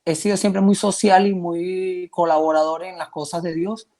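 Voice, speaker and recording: His voice sits high and sounds a little mellow, level in tone and at normal speed. He's a twentysomething testimony guest from Venezuela with a Venezuelan Spanish accent, recounting his faith earnestly but hesitantly and frequently starting over.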